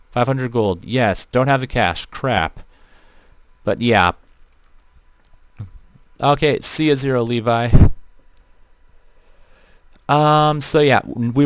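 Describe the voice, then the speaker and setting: A man with a robotic-sounding natural voice, giving casual live game commentary in a halting way, often rephrasing as he goes. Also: medium pitch, clear, resonant tone, dry recording. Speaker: livestreamer playing an online role-playing game. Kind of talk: casual gameplay livestream commentary.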